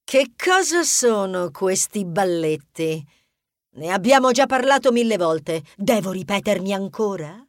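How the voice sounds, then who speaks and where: A man voicing a bossy female pirate rodent who runs fitness classes, shrill and commanding. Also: lively intonation, unhurried, few pauses, a bit bright, no echo, studio quality, full character voice. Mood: stern. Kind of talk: audiobook character voice.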